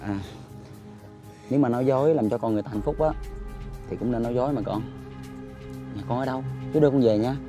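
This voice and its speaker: A man playing a kind young delivery man in a short film, speaking gently and reassuringly, with music behind. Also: medium pitch, quick pace, pauses often, lightly acted. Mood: gentle.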